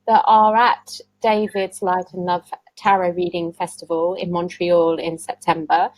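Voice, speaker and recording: A woman's voice: lowish voice, darkish tone, no echo, poor audio. Chatty woman hosting a video call. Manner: bubbly, chatty, laughs at own slips. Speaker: host. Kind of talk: online summit interview.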